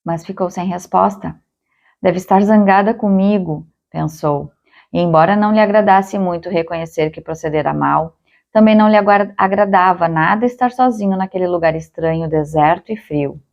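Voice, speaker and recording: Calm female storyteller for a children's audiobook; gravelly low voice, dull lo-fi sound. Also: moderate pace. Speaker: audiobook narrator. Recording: dull lo-fi recording.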